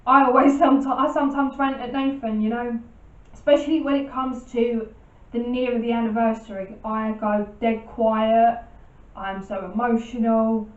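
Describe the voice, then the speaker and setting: A woman's voice: on the high side, fairly even intonation, normal speed. A woman in her late twenties telling a personal story on her vlog, emotional, heartfelt and rambling. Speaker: vlogger. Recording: roomy, distant, dull sound.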